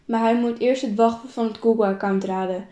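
A woman's voice: fairly high pitch, steady tone, moderate pace, warm tone, echoey room, dull audio. A woman reading a self-written story aloud, plainly and with small repeats and restarts.

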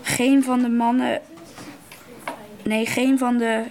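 Woman reading a novel aloud: slow, monotone, higher voice, halting. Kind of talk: reading a book passage aloud.

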